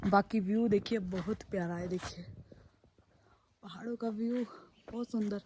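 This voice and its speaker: A young woman chatting casually to her phone for a vlog outdoors on a windy rooftop, her voice hoarse from a sore throat and a little short of breath, calling her viewers guys. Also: medium pitch, moderate pace. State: short of breath after stairs. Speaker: vlogger. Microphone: phone held by hand.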